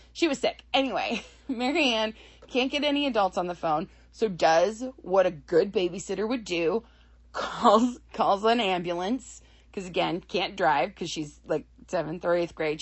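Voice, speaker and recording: Woman, casual show recap, animated swooping delivery, laughs and fillers. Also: mid-range voice. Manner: chatty, laughing often, many fillers and quick asides. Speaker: show reviewer.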